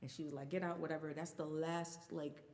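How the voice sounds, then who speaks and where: A woman's voice: sits low, level tone, a little fast, darkish tone, in a large hall. A woman in her thirties telling a personal story candidly in a casual chat as a guest. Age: 30s. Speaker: guest singer.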